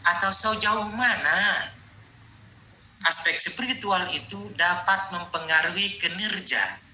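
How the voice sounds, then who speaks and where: Bright-voiced man lecturing. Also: high-pitched, expressive, slow pace, roomy sound, a little hiss or hum, low-quality recording. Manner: rambling, explanatory, addresses listeners as Pak and Bu. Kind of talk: online research methods lecture.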